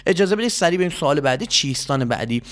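A man's voice: a little high, expressive, a bit bright. A man hosting a children's quiz show, patient and polite but flustered by his contestants. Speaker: quiz host.

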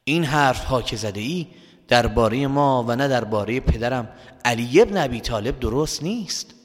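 A man voicing a gentle, generous grown man figure who welcomes a guest in a children's story. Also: mid-range voice, long reverb tail, lightly acted. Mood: kindly. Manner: calm, gentle. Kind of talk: storybook character voice.

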